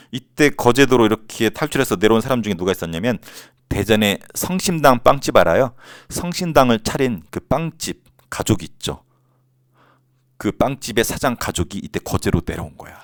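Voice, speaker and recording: A man's voice: mid-range voice, no echo. Joking male history teacher, dry close sound. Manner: joking, teasing asides in banmal; playfully acts out short quotes. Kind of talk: lively casual lecture.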